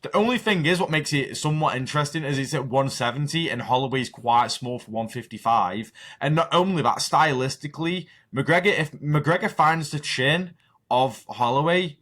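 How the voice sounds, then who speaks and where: Earnest man, somewhat high voice. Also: moderate pace, a bit bright. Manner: earnest, restarting phrases to make his point. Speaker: podcast co-host. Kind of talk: casual chat.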